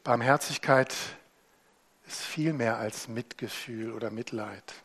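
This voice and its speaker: A man preaching a sermon, swinging between hushed and loud as he retells scripture. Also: mid-range voice, slow, slightly rough.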